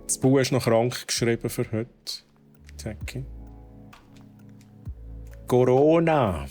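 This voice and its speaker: A man's voice: mid-range voice, slow pace, a little mellow, soft background music. A man with a Swiss German accent streaming a video game, thinking aloud as he plays and dropping English exclamations. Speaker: gaming streamer. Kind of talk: casual let's-play commentary.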